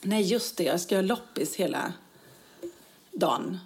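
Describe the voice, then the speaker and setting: A woman's voice: on the low side, expressive. A woman co-hosting a casual chat show, telling anecdotes, acting out quotes and laughing often, tired after a busy week. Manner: chatty storyteller, acts out quotes, laughs often. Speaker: podcast co-host.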